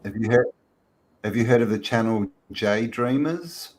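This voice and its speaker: A man's voice: mid-range voice, a little slow, darkish tone, poor audio. A man on a video call whose audio keeps cutting out, asking again and repeating himself to be heard. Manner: rambling, repeats words when trying to be heard. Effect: choppy audio that keeps cutting out. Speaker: guest in a video-call chat. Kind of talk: casual chat. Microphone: computer mic on a video call. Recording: choppy internet call with dropouts and faint noise.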